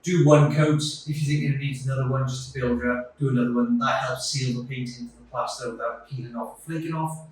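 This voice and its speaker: A man's voice: mid-range voice, fairly even intonation, fast talker. A man, a carpenter by trade, casually explaining his renovation work step by step as he goes. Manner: practical, explaining steps as he works. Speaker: builder and carpenter. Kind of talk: casual DIY vlog narration. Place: bungalow room under renovation, indoors. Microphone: phone held while working. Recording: echoey bare room, faint noise.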